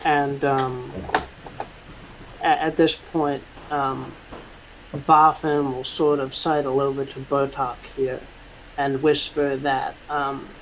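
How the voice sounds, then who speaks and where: Slow, hesitant man running a tabletop game. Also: mid-range voice, flat delivery, a bit bright, slight background noise, rough recording. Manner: halting, hesitant, searching for words. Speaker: game master. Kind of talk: improvised tabletop game narration and dialogue.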